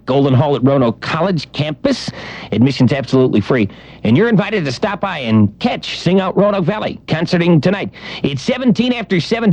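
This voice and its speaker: A man's voice: a little high, darkish tone, no room sound. A man hosting a morning radio show, joking and rattling off times, weather and scores.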